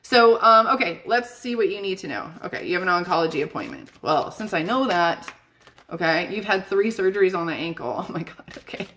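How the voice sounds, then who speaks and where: A woman's voice: lowish voice, lively intonation, brisk, fairly bright tone, slight background noise. A woman, a psychic medium chatting emphatically to viewers in a live stream. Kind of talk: casual live-stream talk.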